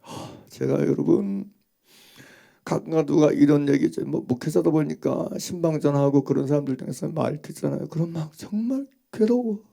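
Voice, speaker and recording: A male pastor giving a Sunday morning sermon, firing off rhetorical questions and swinging from hushed words to impassioned shouts. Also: a little high, normal speed, creaky.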